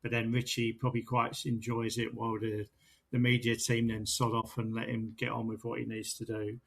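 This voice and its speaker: A man hosts a casual sports podcast. His mid-pitched voice is notably creaky, and his intonation stays fairly flat as he chats. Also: brisk. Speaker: podcast host.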